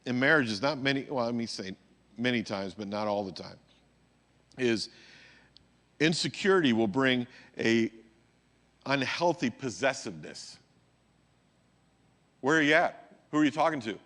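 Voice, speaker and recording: A man's voice: mid-range voice, expressive, measured pace, long pauses, fairly bright tone. A male pastor preaching a sermon in a conversational way, often checking in with his listeners. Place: church.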